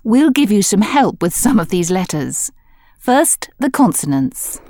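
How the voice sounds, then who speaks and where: A woman giving scripted instructional narration for a language course, explaining in a clear, measured manner. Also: mid-range voice, sing-song, warm tone, no echo, studio quality.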